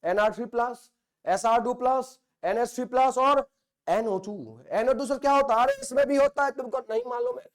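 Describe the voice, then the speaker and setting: A man from India teaching chemistry to a class, his voice sitting very high for a man. He teases and scolds the students in a playful way and repeats key phrases again and again to drill them in. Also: normal speed. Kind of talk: classroom lecture.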